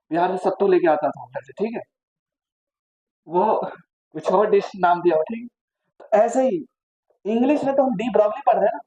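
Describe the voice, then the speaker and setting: A man teaching physics to a class in a relaxed, mellow voice, firing questions at his students and drifting into jokes between points. The recording sounds slightly dull and muffled. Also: high-pitched. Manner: chatty, asks the class questions, jokes and digresses. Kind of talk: classroom lecture.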